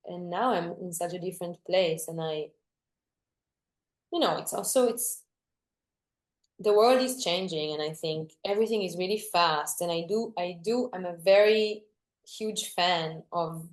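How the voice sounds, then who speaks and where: A young Greek woman, appearing as a guest dancer, speaks reflectively in an interview with a lowish, unhurried voice. She often restarts her sentences and searches for the right words.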